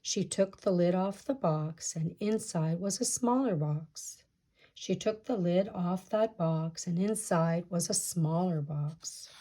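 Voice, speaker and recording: A woman storyteller reads a picture-book folktale aloud in a measured way, putting questions to her listeners. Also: on the low side, dark tone.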